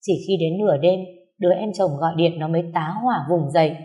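Low, mellow woman storyteller. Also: fast talker, highs cut off. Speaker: narrator. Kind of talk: scripted story narration.

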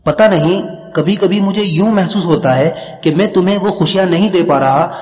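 A man's voice: sits high, a little mellow, lightly acted. Man doing a lovesick young husband, storybook, hesitant, troubled, dull lo-fi sound. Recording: dull lo-fi with long reverb.

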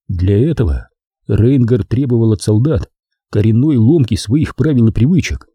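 A man reads a wartime memoir aloud in a measured storytelling manner. His voice is very dark and husky, with a lively, rising and falling pitch. The sound is dry and close. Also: no echo. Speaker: narrator. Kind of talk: audiobook memoir reading.

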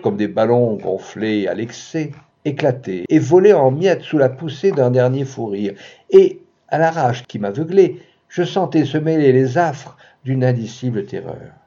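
Casting: dark, husky male storyteller, dramatic literary reading, expressive delivery, dull lo-fi sound. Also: mid-range voice.

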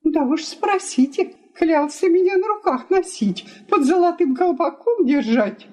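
A woman's voice: very high-pitched, animated, a little slow, darkish tone, pitched above the performer's own voice. A woman reading aloud, voicing an indignant, tearful middle-aged wife who complains shrilly.

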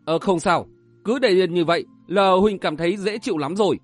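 A man's voice: high voice, a little fast, dry recording, faint music behind. A man voicing a tender, stubborn young swordsman in a martial-arts romance audiobook, talking in an earnest, soothing way. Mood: teasing.

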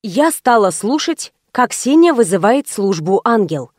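A woman narrating an audiobook in the first person, with lively, ironic storytelling. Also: a little high, normal speed, dry recording, studio quality.

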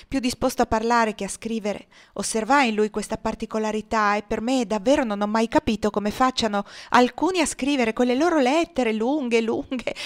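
A woman voicing a talkative aging house cook, devoted and emotional, in a lively exclaiming way. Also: a little high, lightly acted.

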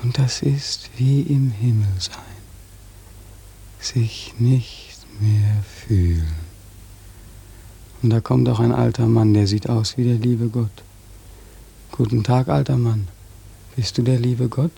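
A man's voice: mid-range voice, steady tone, a little slow, creaky, dark tone, slightly rough, exaggerated voice. An actor playing a bitter young war veteran who accuses God and mocks people while dreaming of his own death. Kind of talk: radio play acting.

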